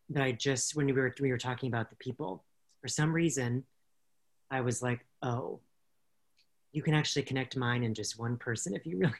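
A woman co-hosting a casual podcast chat, talking in a rambling way with many restarts and easy laughs. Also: very deep voice. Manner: rambling, self-correcting, laughs easily. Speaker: podcast co-host.

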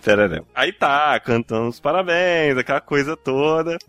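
Young brazilian man, brazilian portuguese accent, casual storytelling, high voice, bright tone, acts out other voices. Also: normal speed, no room sound, faint music behind. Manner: animated, acts out voices in his stories.

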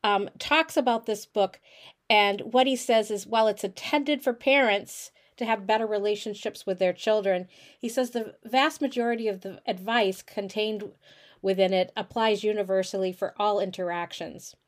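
A woman's voice: mid-range voice, normal speed. A woman instructor giving a casual, chatty recorded lecture to her course, with frequent fillers. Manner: chatty, many fillers and restarts. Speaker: college instructor.

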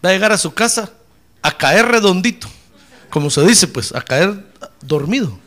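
A man preaching a fiery sermon in church, dropping to low asides and then rising to shouted praise. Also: animated, normal speed. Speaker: pastor.

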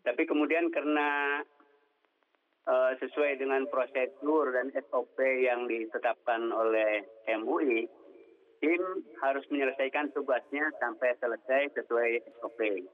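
Man official, halting speech with fillers, tinny phone-like audio. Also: mid-range voice. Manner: halting, many filler sounds. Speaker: interviewed official. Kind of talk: interview answer.

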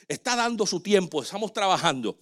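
A man preaching as a pastor, animated and acting out quoted dialogue. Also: high-pitched, a little fast. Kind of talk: sermon.

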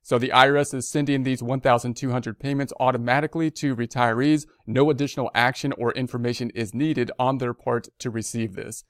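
A man's voice: mid-range voice, steady tone, a little fast, hardly any pauses, a bit bright, no echo, clean studio sound. A man reading a news release aloud and explaining it in plain words, with fillers and restarts. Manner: reads text, then adds plain explanations with fillers and restarts. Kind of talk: reading aloud with casual commentary.

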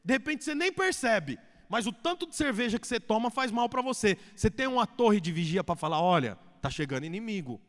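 A man preaching a sermon as pastor, swinging between loud and hushed delivery. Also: very high voice, very animated, fairly quick, few pauses. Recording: echoey hall reverb.

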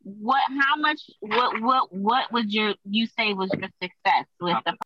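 A woman's voice: mid-range voice, unhurried, bright, forceful tone, no room sound. A woman acting as interviewer, putting questions in a casual, conversational way. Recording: dry, dull lo-fi audio.

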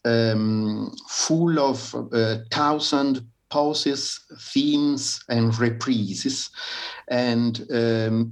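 A man from southern Italy with an Italian accent, answering interview questions haltingly and searching for his words in English. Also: mid-range voice. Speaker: interviewee, harpsichordist. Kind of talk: interview answers on music history.

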